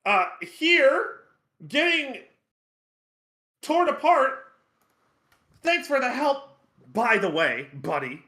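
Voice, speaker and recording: A shrill, whiny little imp, petulant and sulky, with a voice that jumps high and swoops around as he complains, put on by a man running the game. It is recorded in a roomy space with noticeable echo. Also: big pitch swings, drawn-out words, long pauses, bright, forceful tone, heavily acted. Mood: indignant. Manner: whiny and indignant, yelping. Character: whiny petulant male imp, small fiend.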